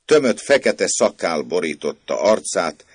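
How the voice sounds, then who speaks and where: A man reading a classic tale aloud as an audiobook narrator, with a measured storytelling cadence and a husky voice. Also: sits low, very animated, dry recording.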